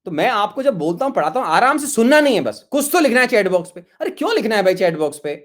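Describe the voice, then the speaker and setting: A man's voice: high-pitched, big pitch swings, fast. A middle-aged man teaching chemistry in a live online class, scolding students over their chat messages in an exasperated, repetitive way. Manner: scolding, exasperated, repeats insults.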